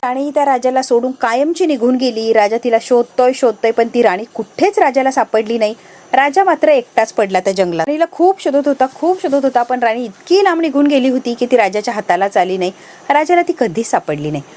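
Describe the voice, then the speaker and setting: A woman voicing a gentle father telling his little daughter a bedtime story in a soft manner. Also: high-pitched, expressive, a little fast. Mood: tender.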